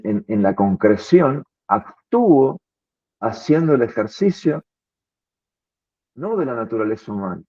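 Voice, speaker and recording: A man's voice: mid-range voice, no room sound. A man in an earnest, reflective philosophical conversation, often repeating words as he thinks. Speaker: philosophy commentator. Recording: tinny phone-like line.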